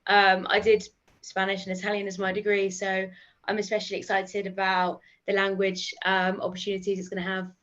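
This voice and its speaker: Flat-toned young woman from the UK. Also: mid-range voice, fairly quick, muffled recording. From United Kingdom. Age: 20s. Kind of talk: self-introduction on a video call. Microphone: video call.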